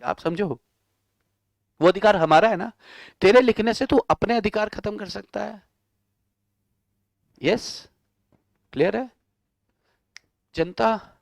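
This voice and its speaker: A male law teacher lecturing a class in a lively, teasing manner, scolding students with coarse slang. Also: sits high, gravelly, no room sound.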